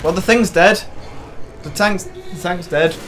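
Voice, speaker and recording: A man's voice: high-pitched, measured pace, a bit bright, slight background noise. A man co-hosting a let's play, teasing his partner and repeating running jokes. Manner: joking, teasing, repeats gags. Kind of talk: casual gaming commentary.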